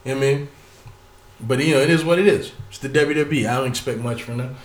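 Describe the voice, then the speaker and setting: A man's voice: mid-range voice, fast. A man talks loosely and at length, cursing freely and stumbling over his words. He sits some way off from the mic, so his voice sounds distant. The room around him is echoey. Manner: profane, rambling, stuttering, filler-heavy. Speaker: wrestling commentator. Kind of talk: casual solo talk.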